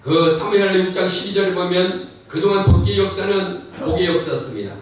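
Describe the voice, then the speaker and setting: A man preaching a sermon in a church, animated, acting out quoted voices as he speaks. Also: high voice, brisk. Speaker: pastor. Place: church sanctuary. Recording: echoey church hall, mic far off.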